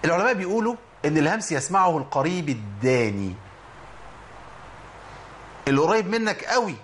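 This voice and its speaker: Egyptian sheikh teaching Quran pronunciation. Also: male voice, on the high side, fairly bright tone, a little hiss or hum. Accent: Egyptian Arabic. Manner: drills letter sounds slowly, stretching and repeating example words. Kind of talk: Egyptian Arabic tajweed lesson.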